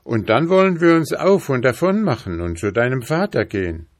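A man voices a cheeky, defiant young boy in a fairy tale, pitching above his own natural voice. The delivery is sing-song at medium pitch and normal speed, recorded in a clean studio with no room sound.

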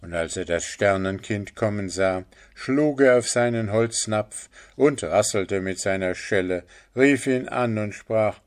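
A man narrating a fairy tale in a calm, measured reading style. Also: fairly low pitch. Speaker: storyteller.

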